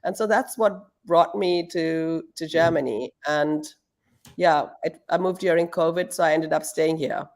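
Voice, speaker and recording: A woman's voice: sits low, measured pace, a little mellow. A middle-aged woman from Pakistan, answering interview questions at home in a thoughtful, casual way with fillers and restarts. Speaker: guest, shoe brand founder.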